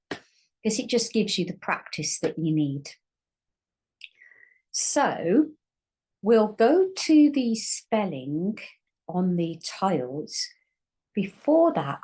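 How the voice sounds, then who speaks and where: Woman, low-ish voice, slow deliberate phonics teacher, sounds out each letter patiently. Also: darkish tone, husky, low-quality recording. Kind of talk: recorded online spelling lesson.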